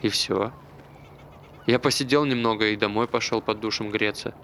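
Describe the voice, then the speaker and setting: Playing an anxious, self-deprecating man who recounts his failed suicide, this actor delivers naturalistic stage dialogue hesitantly and earnestly, with a wry edge. His lowish voice is fairly bright and steady at a moderate pace, with faint background noise behind him.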